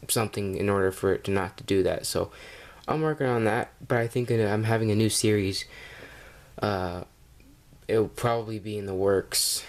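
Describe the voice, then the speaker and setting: A fairly low-voiced man with a cold talks through a toy review at home. He rambles and hesitates, filling gaps with ums and uhs, and is picked up on a camera mic. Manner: rambling and hesitant, with many fillers. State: has a cold. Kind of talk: casual toy review vlog.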